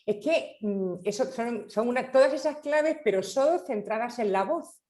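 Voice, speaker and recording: Woman panel guest, reflective and halting, echoey room. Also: on the high side, expressive, a little mellow. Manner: thoughtful, hesitant restarts. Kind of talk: conversational talk.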